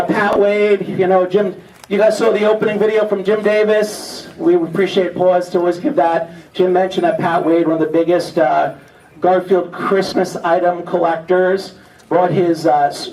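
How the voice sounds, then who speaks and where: In a large, echoey event hall, an auctioneer serving as emcee opens with a teasing, off-the-cuff comic monologue to the gathering. His voice is high-pitched with a darkish tone, picked up by a distant mic with the audience audible behind him.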